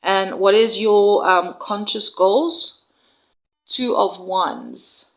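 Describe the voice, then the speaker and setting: A woman giving an intuitive tarot reading to viewers, speaking in an unhurried, reassuring way with frequent "all right?" check-ins. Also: medium pitch, lively intonation, creaky, rough recording. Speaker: tarot reader.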